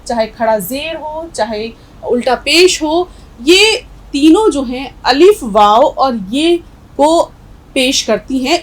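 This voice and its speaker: Husky woman teacher, slow and patient, going over letter sounds again and again. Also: sits high, low-quality recording. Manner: patient, repeats letter drills slowly. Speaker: Urdu teacher. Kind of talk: video language lesson.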